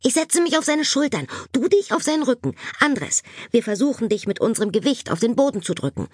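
An eager young schoolgirl pushes her plans with breathless excitement, voiced by a woman reading an audiobook. Her voice sits high and lively, with a husky grain, recorded close and dry. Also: fairly quick, no room sound. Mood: excited. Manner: excited, bossy. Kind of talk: audiobook character voice.

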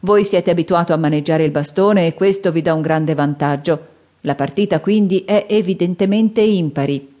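Woman as a guarded young stranger, formal speech, dark soft tone. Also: on the low side, normal speed, lightly acted. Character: young male swordsman stranger, guarded and proud.

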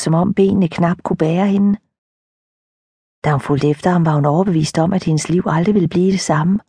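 A woman narrating an audiobook in a soft, measured reading style. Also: fairly low pitch, slightly rough, no room sound, studio quality.

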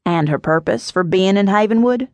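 A woman voicing a steady male police detective who questions people in a formal, clipped way. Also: medium pitch, moderate pace, no room sound, dull audio, natural voice. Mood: questioning.

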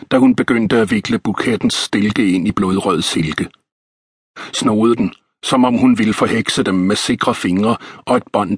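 A man reading a historical novel as an audiobook narrator, in a measured, even storytelling manner. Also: on the low side, husky, no room sound, studio quality.

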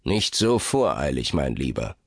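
Rich: A tired old man who sighs his way through a sales pitch, deep and hushed, as a male narrator puts him on. The voice is husky and breathy, recorded close and dry with no room sound. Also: big pitch swings, a little slow, dry recording, exaggerated voice. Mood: weary, persuasive. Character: old man weary and sighing, selling a cursed bottle.

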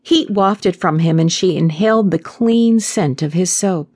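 A woman narrating a contemporary romance audiobook in a measured, expressive storytelling voice. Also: lowish voice, no echo, clean studio sound.

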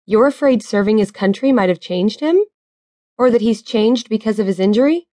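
A cheerful middle-aged mother, reassuring and comforting, as a woman narrator puts her on. Her voice sits a bit high with a sing-song lilt, and it is read close and dry for an audiobook. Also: expressive, normal speed, no room sound, lightly acted. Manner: warm, comforting.

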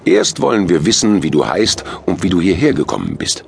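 A man's voice: deep voice, wildly swooping pitch, a little fast, creaky, a little hiss or hum, exaggerated voice. A man voicing a fat, jolly and bossy Santa Claus who grumbles and gives orders in a children's storybook. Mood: hearty. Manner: hearty, grumbling, commanding.

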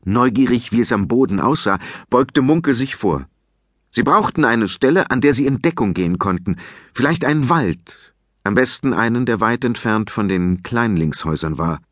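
A man reading a children's audiobook aloud with expressive, scripted storytelling narration. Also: mid-range voice, normal speed, no room sound, clean studio sound. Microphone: close studio mic.

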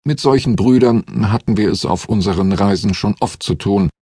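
A man playing a booming deep-voiced warrior. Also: moderate pace, warm tone, slightly rough, no room sound, studio quality. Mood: forceful. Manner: booming, stern. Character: gruff commanding male warrior with deep bass.

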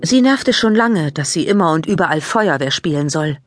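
A woman narrating a children's audiobook in a calm, even storytelling manner. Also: deep voice, fairly quick, faint music behind.

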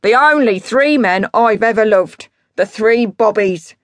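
A woman with a mid-range voice speaks a little slowly, lightly acting the part of a drunk, boastful, foul-mouthed middle-aged father who harbors grand musical ambitions. Her delivery in this audiobook story is bombastic and declamatory, drunken and grandiose in mood, with no echo in the recording.

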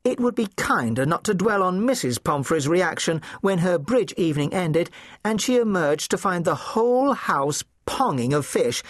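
Husky, lively male storybook narrator. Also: sits high, no room sound, studio quality. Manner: expressive, playful storytelling. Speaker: audiobook narrator.

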